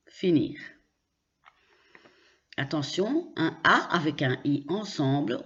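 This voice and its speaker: Lady teacher going super slow over letters and sounds, voice bouncing up and down, kinda dull lo-fi sound. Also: low voice, fairly bright tone. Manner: spells out letters and repeats example words carefully. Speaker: French teacher. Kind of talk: slow pronunciation lesson.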